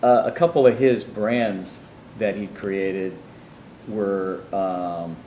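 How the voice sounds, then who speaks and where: A man's voice: low-pitched, fairly even intonation, slow pace, mellow, roomy sound, slight background noise, poor audio. A man telling his life story in an interview, rambling through asides and acting out the people he quotes. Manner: meandering, many restarts and asides, acts out quoted people.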